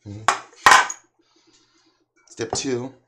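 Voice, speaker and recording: A man's voice: mid-range voice, fairly even intonation, drawn-out words. A hungover man hosting a casual live cooking chat, rambling and talking to himself as he works. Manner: rambling, talks to himself while working. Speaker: cooking livestream host. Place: home kitchen. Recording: noisy room with clicks and clatter.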